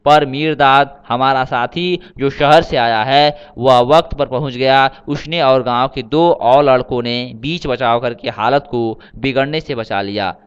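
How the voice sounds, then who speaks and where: A man's voice: medium pitch, unhurried, hardly any pauses, clean tone, muffled recording, lightly acted. A man voicing a young Sikh man who firmly sets the facts straight in a storybook reading. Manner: firm, correcting.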